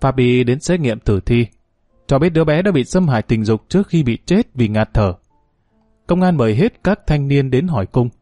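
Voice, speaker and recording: A man narrating a village crime story in a steady, measured way. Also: medium pitch, no room sound, clean studio sound, faint music behind.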